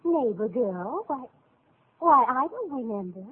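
An actress playing a spoiled, jealous young stepsister in a vintage radio play, petulant in manner. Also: female voice, sits high, big pitch swings, a little slow, breathy edge, full character voice. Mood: coy. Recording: tinny old radio broadcast.

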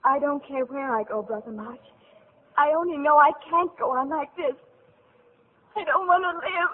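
A woman's voice: high voice, moderate pace, natural voice. An actress voicing a sweet, frail young girl in a vintage radio play, pleading and tearful. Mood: despairing. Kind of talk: 1940s radio acting. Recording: tinny old radio broadcast.

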